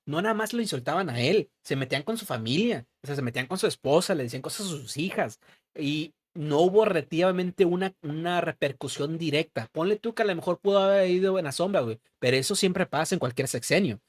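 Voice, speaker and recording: Young mexican dude ranting about politics, says güey nonstop, slightly high voice, dry mic. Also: male voice, expressive, fast talker, no room sound. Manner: slangy, peppers talk with "güey". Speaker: podcast co-host. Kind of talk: casual political chat.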